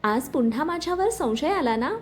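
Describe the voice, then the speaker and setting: Woman voicing a calm, firm young husband. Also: high voice, moderate pace, slight background noise. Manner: steady, reassuring.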